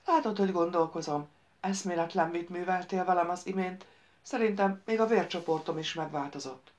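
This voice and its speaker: A woman's voice: on the low side, a little mellow, close to an everyday voice. A woman reading a playful, teasing young woman.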